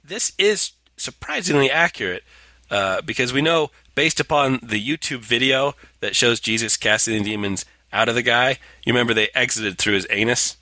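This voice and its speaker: A man's voice: medium pitch, moderate pace, pushed and bright, no room sound. A man co-hosting a movie discussion, bantering casually in a sarcastic, mocking way. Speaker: co-host of a comedic movie discussion show.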